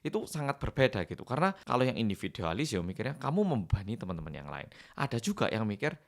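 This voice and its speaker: A man's voice: on the low side, very animated, fast, creaky. A young Korean man, speaking thoughtfully in casual commentary to camera and weighing both sides. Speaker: YouTuber.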